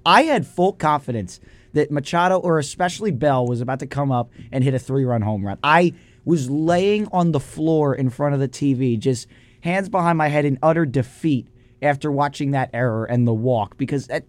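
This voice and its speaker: A young man co-hosting a college sports radio show, giving casual game recaps with dramatic, drawn-out emphasis. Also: a little high, animated, no room sound.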